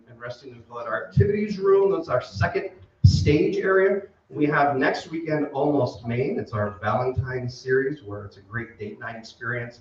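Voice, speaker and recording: On a theater stage before an audience, a middle-aged man who directs community theater offers a casual, improvised welcome. His medium-pitched voice is fairly bright, though the distant mic leaves it muffled and the hall very echoey.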